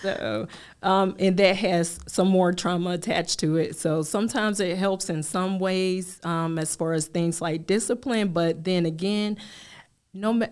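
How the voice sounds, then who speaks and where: A middle-aged woman shares her story as a podcast guest, taking her time over each phrase. Her voice sits somewhat low and comes through smooth and clear, in a measured, open manner. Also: fairly even intonation, darkish tone. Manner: slow, measured, candid. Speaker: guest, life coach. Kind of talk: podcast interview.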